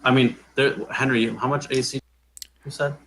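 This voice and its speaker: A man's voice: mid-range voice, little pitch movement, normal speed, fairly bright tone, slight background noise, rough recording. A man, a tabletop game player, chatting casually after a session and restarting his sentences a lot. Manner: hesitant, full of restarts and fillers.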